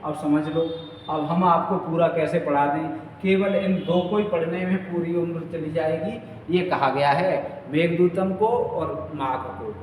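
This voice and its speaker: A male teacher running an exam-prep quiz lesson, repeating each question and key word slowly and checking in with his students. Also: fairly high pitch. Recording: far from mic in an echoey room with long reverb, faint noise.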